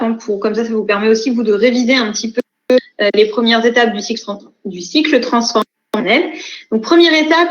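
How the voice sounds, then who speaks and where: A young woman lecturer giving an online class, explaining methodically step by step with frequent hesitations. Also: a little high. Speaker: university lecturer. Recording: echoey, dull lo-fi recording.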